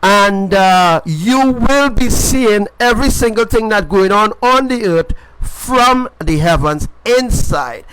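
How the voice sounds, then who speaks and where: High-voiced man preaching emphatically. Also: expressive, slow pace, few pauses, a bit bright, slight background noise, low-quality recording. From Caribbean. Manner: repetitive, emphatic, asks "right?" often. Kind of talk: informal sermon.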